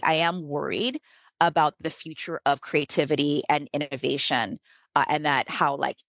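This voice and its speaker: Animated low-voiced American woman. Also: dry recording. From United States. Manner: animated, filler-heavy, emphatic pitch jumps. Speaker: guest, business author. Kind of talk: casual conversational interview.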